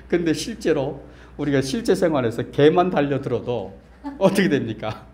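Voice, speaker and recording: Joking with his small-church congregation and asking them questions, this male pastor builds his sermon toward insistent, emphatic high points. He speaks at normal speed in a fairly high, expressive voice with a darkish tone.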